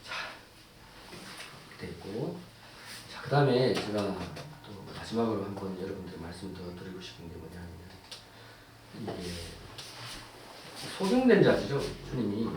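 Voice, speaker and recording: A male pastor preaching a sermon, moving between quiet explanation and loud pleading cries. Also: very animated, a little slow, long pauses, noisy background. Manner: swings from low asides to loud pleading cries. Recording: echoey hall, voice from far off.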